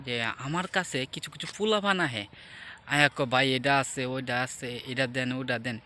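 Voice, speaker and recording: A man telling a story to his viewers in a chatty, conversational way, often dropping into hushed tones. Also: fairly high pitch. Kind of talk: casual storytelling monologue.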